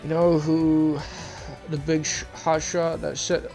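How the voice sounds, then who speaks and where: A man's voice: fairly high pitch, little pitch movement, takes it slowly. A man voicing a cocky male investigator who calls himself a wolf, reading game dialogue aloud with a teasing, taunting manner. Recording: game music behind the voice.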